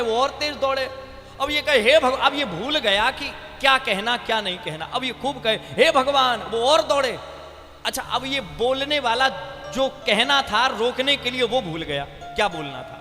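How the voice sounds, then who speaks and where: A high-voiced male preacher tells playful stories and calls out to his listeners for replies. His tone is bright and ringing. The sound carries the long echo of a large hall, with faint music in the background. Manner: lively storyteller, calls out to crowd for responses. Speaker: Ram Katha preacher. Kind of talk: humorous sermon with storytelling.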